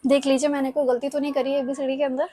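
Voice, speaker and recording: A woman's voice: high-pitched, little pitch movement, very fast, dark tone, slight background noise. A young woman teaching a language lesson, explaining step by step and often checking whether her students follow.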